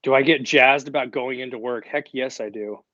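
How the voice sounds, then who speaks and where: A man's voice: medium pitch, fairly even intonation, normal speed, a bit bright, no room sound, highs cut off. A young man hosting a live online Q&A, talking casually and directly. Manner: casual and direct, chatty with fillers. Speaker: host of a live Q&A stream.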